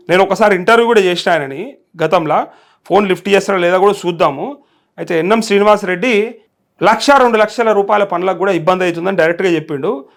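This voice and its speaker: A man with a Telangana accent reading and commenting on news as a live host, in a challenging, questioning manner. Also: sits high. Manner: challenging, rhetorical questioning of viewers. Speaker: journalist hosting a live call show.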